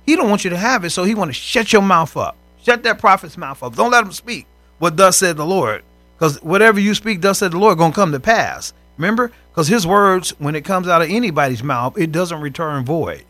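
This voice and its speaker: A man co-hosting a faith broadcast, preaching in animated conversation and acting out voices from scripture stories. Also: sits high, fairly quick, dry recording, faint music behind.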